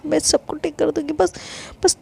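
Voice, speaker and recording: An anxious younger sister begging and promising in a rush of repeated words, as a woman storyteller puts her on. The voice is high and carries a gravelly edge. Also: steady tone, normal speed, mellow. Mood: insistent. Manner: pleading, urgent, stumbling repeats. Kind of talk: dramatized story reading.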